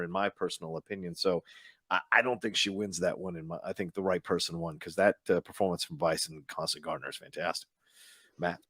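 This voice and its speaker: A man's voice: fairly low pitch, fairly bright tone, no room sound, studio quality. A man co-hosting a podcast, weighing opinions in casual chat with frequent ums and uhs. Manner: thoughtful, gives ranked opinions with many fillers. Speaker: podcast co-host.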